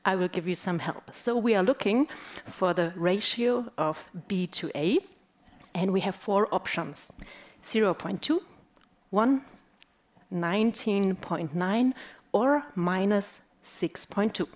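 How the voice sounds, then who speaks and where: A woman's voice: medium pitch, slow pace, darkish tone. A woman giving a conference presentation, running an audience quiz and laughing often as she talks.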